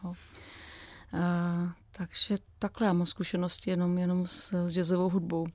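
A woman's voice: fairly low pitch, flat delivery, a little mellow, no echo. A young woman, a jazz singer and radio guest, talking casually and hesitantly, with many fillers and restarts.

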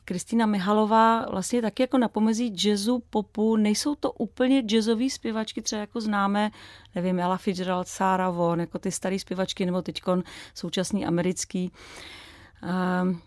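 A woman's voice: medium pitch, fairly even intonation, a little mellow, dry recording, studio quality. A young woman, a jazz singer and radio guest, talking casually and hesitantly, with many fillers and restarts.

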